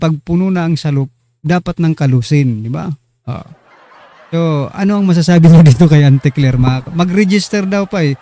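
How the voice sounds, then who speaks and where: Male commentary host, mellow, slightly raised pitch, teasing and chatty, dry close sound. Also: no room sound. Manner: chatty, teasing, addresses viewers as kababayan. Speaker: online news commentary host. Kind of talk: casual political commentary.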